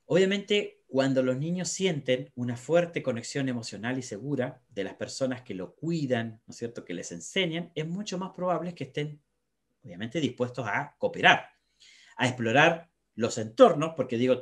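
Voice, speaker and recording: A man's voice: mid-range voice, animated, normal speed. A man, a psychologist, talking animatedly about parenting and filling his speech with tag questions. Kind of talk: conversational talk on parenting.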